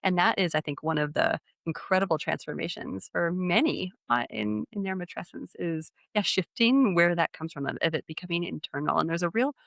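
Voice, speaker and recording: Guest coach, woman, earnest and affirming, vocal fry, dry sound. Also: lowish voice, lively intonation, a little fast, few pauses, a bit bright, dry recording. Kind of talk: conversational interview.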